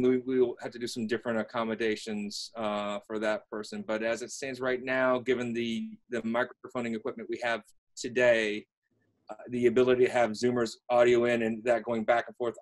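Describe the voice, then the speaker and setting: A man speaking as a law professor, explaining things informally to students in a wordy, halting and slightly wry way. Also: mid-range voice.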